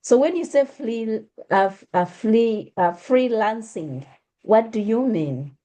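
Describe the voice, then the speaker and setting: Hesitant and full of "uh"s and restarts, a Ugandan interview host introduces her guest and puts questions to them in a conversational way. Her fairly high voice has lively intonation and a dark tone, and she speaks slowly.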